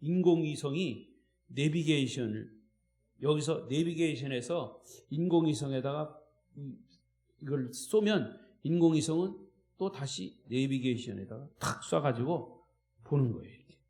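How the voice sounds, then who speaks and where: A man's voice: fairly high pitch, lively intonation, unhurried, darkish tone, reverberant. A man preaching a sermon as pastor, emphatic, with repetition and rhetorical questions. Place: church sanctuary.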